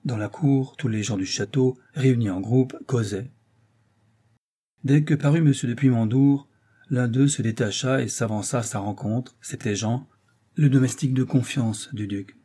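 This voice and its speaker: A man reading a classic novel aloud as an audiobook narrator, in a steady, measured manner. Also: mid-range voice, breathy edge.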